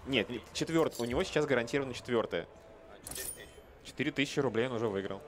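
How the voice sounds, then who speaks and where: A man's voice: mid-range voice, fast talker. A man giving casual live commentary on a game match as a co-commentator. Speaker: esports co-commentator. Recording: clearly noisy event ambience.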